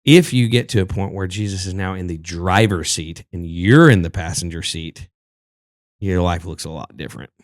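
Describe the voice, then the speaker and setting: A man's voice: deep voice, moderate pace, dry recording, studio quality. A man from Texas, a singer-songwriter, talking casually as a podcast guest and telling loose stories. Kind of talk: casual conversation.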